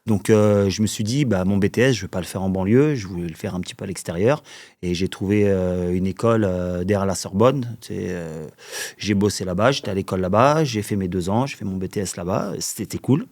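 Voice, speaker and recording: A man in his forties from the Paris suburbs talks in a fairly low voice as a podcast guest. He rambles through his anecdotes casually, leaning on fillers and chuckling as he goes. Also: fairly quick, darkish tone. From Paris suburbs, France. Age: 40s. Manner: rambling storyteller, filler-heavy, chuckles often.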